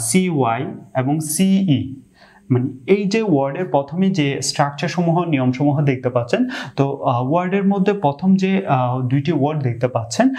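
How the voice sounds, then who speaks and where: In an online lesson, a man with a Bangladeshi accent explains English pronunciation, often pausing with "ah" and repeating example words slowly. His voice is a little high and darkish.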